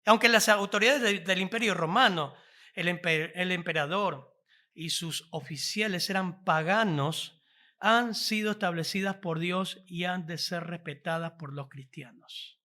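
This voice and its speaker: A male pastor with a Rioplatense accent, preaching a sermon with animated delivery, reading scripture aloud and adding joking asides to the congregation. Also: sits high, measured pace. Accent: Rioplatense Spanish.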